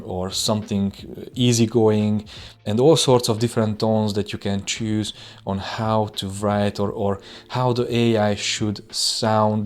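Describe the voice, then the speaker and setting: A low-voiced man whose first language is Hungarian teaches web design through a screen-recording software tutorial. He sounds relaxed but hesitant, with frequent "uh" fillers and restarted sentences.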